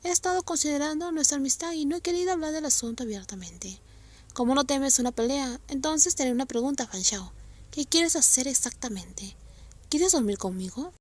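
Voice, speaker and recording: A woman's voice: high voice, fairly quick, close to an everyday voice. Woman voicing a stern, weary male director.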